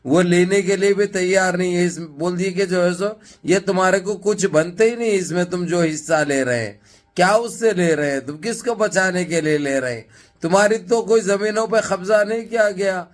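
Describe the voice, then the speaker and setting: A man delivers political commentary in a high, ringing voice. He is fiery and mocking, and addresses his listeners as friends and brothers. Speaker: online news commentator.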